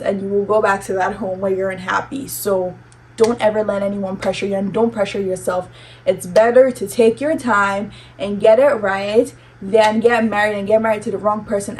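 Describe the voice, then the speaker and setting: A young woman chatting casually on her vlog, giving advice and checking in with "okay?" often. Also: mid-range voice. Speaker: vlogger. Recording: distant mic with faint room noise.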